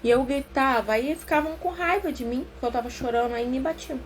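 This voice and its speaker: A Brazilian woman therapist leading a casual live book-club talk, chatty and expressive, slowing down to stress her points. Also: high-pitched, slight background noise. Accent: Brazilian Portuguese.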